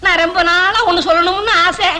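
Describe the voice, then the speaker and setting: A woman's voice: very high voice, steady tone, fairly quick, very noisy. A woman playing a gossipy, wheedling village woman consulting a holy man in a film comedy. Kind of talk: 1980s film comedy acting.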